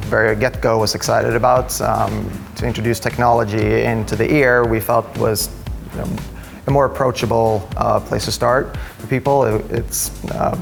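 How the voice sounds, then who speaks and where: Gravelly, hesitant man in interview. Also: on the low side, flat delivery, moderate pace. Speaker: tech company representative. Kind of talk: casual interview. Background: music.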